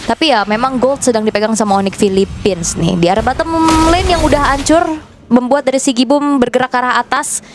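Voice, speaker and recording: A woman's voice: fairly high pitch, brisk, very noisy. A woman with an Indonesian accent gives chatty, conversational analysis as a live esports commentator, repeating words for emphasis. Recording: music behind the voice.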